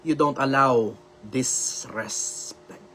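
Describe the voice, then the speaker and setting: A man's voice: medium pitch, extremely slow, a little hiss or hum. A man with a Filipino accent, hosting a live video-call show and giving blunt, emphatic advice that he often repeats. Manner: says he speaks loudly on purpose for social media. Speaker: live show host answering viewer questions. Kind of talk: loud, preachy live advice talk.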